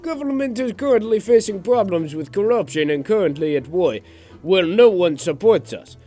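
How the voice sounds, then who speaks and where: A man's voice: sits high, lively intonation, normal speed, mellow, faint music behind. A teenage boy putting on a stern Russian presenter for a satirical school report, speaking in clipped, broken phrases that drop their articles. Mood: deadpan mock-serious. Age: teens. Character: comically stern Russian man presenting politics. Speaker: student presenting a school project.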